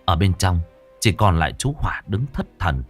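A man narrating a ghost story audiobook with dramatic, expressive storytelling. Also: deep voice, moderate pace, breathy edge, faint music behind.

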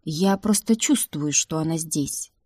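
A woman voicing a gentle, worried teenage brother who speaks softly and thoughtfully in an audiobook. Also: low voice, measured pace, breathy edge, no room sound, clean studio sound. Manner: soft, thoughtful.

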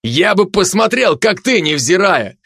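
A man voicing a gruff male security chief who snaps short, commanding orders. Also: mid-range voice, big pitch swings, normal speed, a bit bright, no echo, clean studio sound. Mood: curt. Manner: curt, snapping orders.

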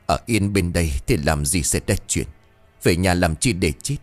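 A man's voice: deep voice, expressive, moderate pace, faint music behind. A man voicing a bitter old rich grandmother in a ghost story, wailing and scolding harshly.

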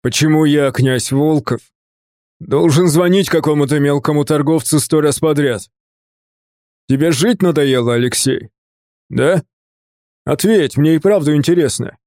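A man voicing a hot-tempered, bullying male prince who shouts scornfully into a phone. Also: on the high side, measured pace, pauses often, dry recording, studio quality, voice pushed up. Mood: furious.

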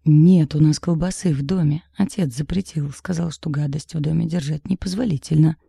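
A woman's voice: low-pitched, steady tone, normal speed, vocal fry, mellow, husky, no echo, clean studio sound, exaggerated voice. A woman reading the part of a frightened, whiny young woman in an audiobook. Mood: anxious. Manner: whiny, anxious.

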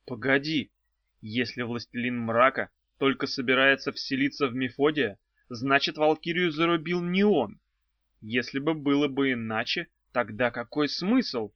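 A man voicing an anxious, quick-witted teenage girl in an audiobook, asking eager questions. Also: medium pitch, no room sound, lightly acted. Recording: dull lo-fi sound.

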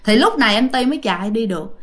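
A woman's voice: fairly high pitch, lively intonation, quick pace. A woman with a Southern Vietnamese accent telling a ghost story in a chatty, casual way, speaking straight to her listeners. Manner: chatty, addresses listeners directly.

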